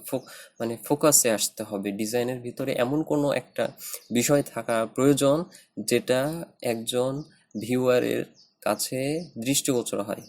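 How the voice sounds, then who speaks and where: A man with a Bangladeshi Bengali accent teaching design principles in a tutorial, talking in a halting way with many fillers and restarts. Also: medium pitch, darkish tone. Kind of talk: screen-recorded tutorial.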